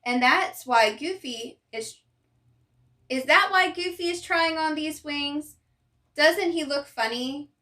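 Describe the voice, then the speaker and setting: A woman's voice: sits high, slow pace, pushed and bright. A woman hosting a bedtime story, reading a children's storybook aloud and chatting with young listeners through questions. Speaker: bedtime story host and reader.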